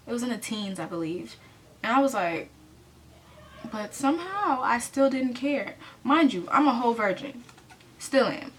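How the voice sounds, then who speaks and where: A woman's voice: a little high, slight background noise. A twenty-year-old American woman tells a personal story in a casual, rambling way, full of fillers and self-corrections. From United States. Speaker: vlogger telling a storytime.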